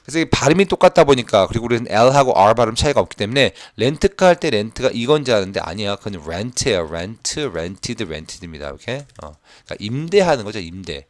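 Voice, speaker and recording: Guy teaching english class, chatty, says "okay" a lot, reads the examples slow and punchy, voice goes all over, dry sound. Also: lowish voice, sing-song, no room sound. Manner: reads English example lines slowly and emphatically, then explains in a chatty way; frequent fillers like 자 and 오케이. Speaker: English teacher at a cram school. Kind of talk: classroom lecture explaining a textbook dialogue.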